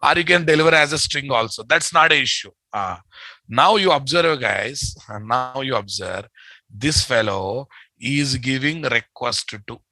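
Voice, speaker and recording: Bright-voiced Telugu-accented man teaching, measured pace. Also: medium pitch, animated, dry recording, rough recording. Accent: Telugu Indian. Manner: informal, repetitive, addressing students as guys and boss. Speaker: programming teacher. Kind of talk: live lecture with repeated phrases.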